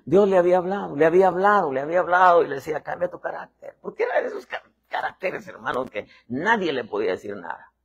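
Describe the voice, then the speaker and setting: A man delivers a lively sermon in a slightly high, husky voice. His pitch swings widely as he acts out little scenes and voices. He keeps addressing the listeners as "hermano". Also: quick pace, few pauses. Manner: animated preacher acting out voices, constantly saying "hermano". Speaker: apostle preaching.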